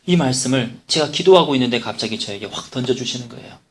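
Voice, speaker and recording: A man preaching in a church, a pastor telling a story in an animated way with quoted dialogue. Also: medium pitch, quick pace, vocal fry. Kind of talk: sermon storytelling.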